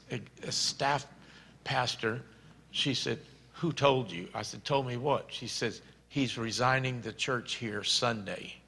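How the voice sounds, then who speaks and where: An older male pastor tells a story from the pulpit, his voice gravelly with a bright, forward edge. He acts out each person's lines as he goes. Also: medium pitch. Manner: animated storyteller acting out quoted voices. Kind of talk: storytelling sermon.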